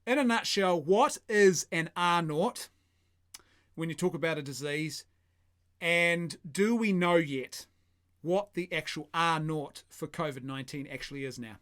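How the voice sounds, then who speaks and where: A man's voice: a little high, measured pace, fairly bright tone. Chatty New man hosting. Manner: chatty, self-deprecating, stumbles and restarts. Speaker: host. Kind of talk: casual interview chat.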